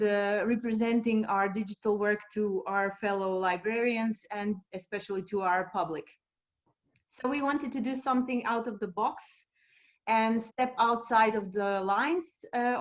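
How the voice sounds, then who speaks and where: Woman from Croatia, somewhat high voice, halting with fillers, muffled video call sound. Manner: hesitant, many fillers. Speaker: librarian presenting a project. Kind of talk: informal online presentation.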